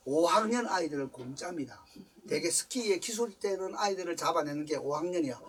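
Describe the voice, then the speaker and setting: An older man gives a church lecture, his high and somewhat husky voice swinging widely in pitch as he tells stories. The mic sits some way from him, so he sounds a little distant. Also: fairly quick. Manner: animated storyteller, mixes English phrases, acts out voices. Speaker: seminary professor lecturing.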